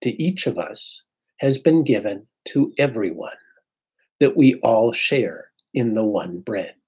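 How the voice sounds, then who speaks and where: A man in his sixties, a priest, giving an unhurried, reflective sermon from his home study into a webcam. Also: on the low side, animated, warm tone, husky. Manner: unhurried, reflective preaching with pauses. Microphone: webcam at desk.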